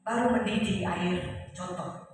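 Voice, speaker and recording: A woman's voice: fairly low pitch, takes it slowly. A middle-aged woman preaching her testimony in a church hall, storytelling with emotion and voicing the people in her story. Her voice rings through a large room with long reverb and comes from some distance off the mic. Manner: emotional storytelling, acting out quoted cries. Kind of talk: sermon testimony.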